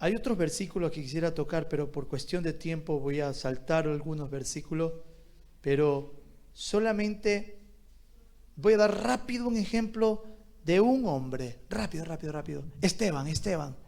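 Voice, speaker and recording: A man preaching a sermon as pastor, calling on the congregation to answer and swinging between loud exhortation and quiet asides. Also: fairly high pitch, expressive, measured pace. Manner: calls on the congregation to answer aloud.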